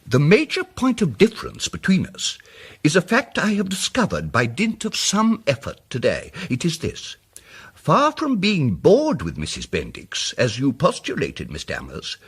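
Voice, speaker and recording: In a radio mystery, a mild, apologetic amateur detective speaks in a fairly high, husky-edged voice that rises and falls dramatically. He is hesitant, fussy and politely precise, with an exaggerated delivery. His mood is earnest and explanatory.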